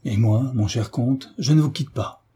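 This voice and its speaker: A man reading a fussy, excitable guardian baron in a French audiobook. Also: medium pitch, unhurried, breathy edge. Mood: indignant.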